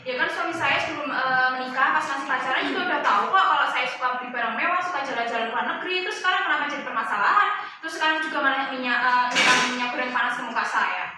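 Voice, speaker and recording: A woman's voice: high voice, rapid-fire, natural voice. A woman playing a defensive wife testifying in a mock trial, answering in casual colloquial speech. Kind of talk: amateur courtroom role-play. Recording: echoey room, distant mic, noisy.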